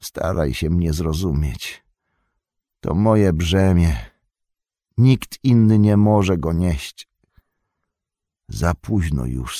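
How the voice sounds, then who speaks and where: A man's voice: deep voice, dark tone, no echo, studio quality, full character voice. Frodo, a man doing a despairing hobbit. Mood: sorrowful. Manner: anguished, sorrowful, tired. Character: weary young male hobbit, burdened and despairing.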